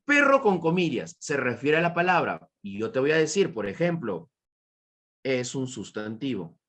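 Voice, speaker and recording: Man, teacher, Peruvian Spanish accent, animated intonation, repetitive, asks questions, praises answers. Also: mid-range voice, normal speed. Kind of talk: online class lecture.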